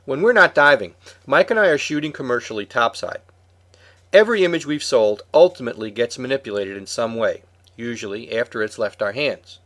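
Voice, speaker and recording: A man's voice: mid-range voice, animated, fairly quick, a bit bright. A man co-hosting a podcast, reading a prepared script in an explanatory way. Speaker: podcast co-host.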